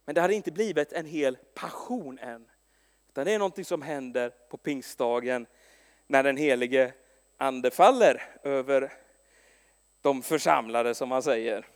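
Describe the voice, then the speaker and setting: A man preaching a sermon, telling stories in a lively way with frequent restarts and stumbles. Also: medium pitch. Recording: long echo in a large hall.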